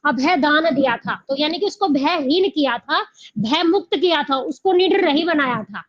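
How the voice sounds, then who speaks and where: A woman teaching an exam coaching class, asking questions and answering them herself, repeating key words slowly. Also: sits high, animated, muffled recording. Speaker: Hindi teacher.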